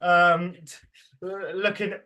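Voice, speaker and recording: Laughing podcast host, high voice. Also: male voice, level tone, slow, sharp tone. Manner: swearing, laughing, rambling. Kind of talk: casual podcast chat.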